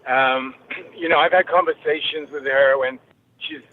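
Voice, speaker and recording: Woman caller on a clipped phone line. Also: sits low. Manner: earnest, halting with restarts. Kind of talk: call-in chat. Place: moving car. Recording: tinny phone line with road noise.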